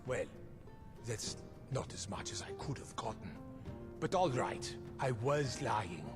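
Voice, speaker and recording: An actor playing a sheepish, defensive man caught in a lie, speaking haltingly in a fantasy video game. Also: medium pitch, expressive. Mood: sheepish confession. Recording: loud game music behind the voice.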